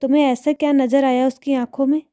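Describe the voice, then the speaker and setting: A kind, composed woman in her thirties talks in a storybook tale, as a woman reader voices her. Her voice sits high and sounds deeply mellow. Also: level tone, fast talker, dry recording, lightly acted. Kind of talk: storybook narration.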